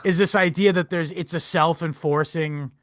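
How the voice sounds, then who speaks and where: A young adult man co-hosting a casual history podcast, rambling and animated, swearing and laughing often. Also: a little high, moderate pace, no room sound, clean studio sound. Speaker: podcast co-host.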